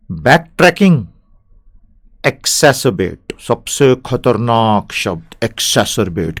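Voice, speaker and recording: A man teaching an English lesson, drilling vocabulary slowly and adding emphatic, scolding asides. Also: mid-range voice. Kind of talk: spoken language lesson.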